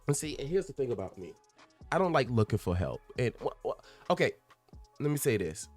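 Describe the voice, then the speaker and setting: A man in his twenties hosts a casual solo podcast from a room at home surrounded by packed boxes, rambling earnestly and candidly, often restarting and repeating himself for emphasis, with bursts of laughter. His medium-pitched voice is sing-song and darkish, fairly quick, with faint music behind.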